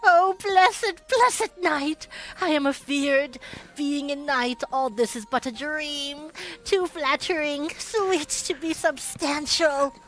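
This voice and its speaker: A woman playing a lovestruck, dreamy young man in a theatrical Shakespeare reading, speaking in a measured, yearning manner. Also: sits high, a bit bright, rough recording. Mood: wistful.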